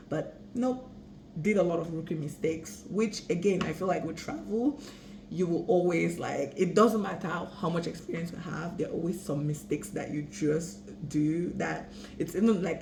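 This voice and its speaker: Young woman from Cameroon, travel vlogger, chatty and rambling, gravelly tone, echoey noisy room. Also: on the low side, normal speed, dark tone. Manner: chatty, rambling, self-correcting. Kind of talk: casual travel tips vlog. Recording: echoey room with background noise.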